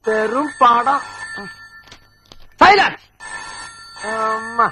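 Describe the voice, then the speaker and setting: A man's voice: extremely high pitch, animated, moderate pace, slight background noise, exaggerated voice. An actor playing a fussy middle-aged man in a film comedy, grumbling and exclaiming in exasperation. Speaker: comic film character. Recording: film soundtrack with loud music.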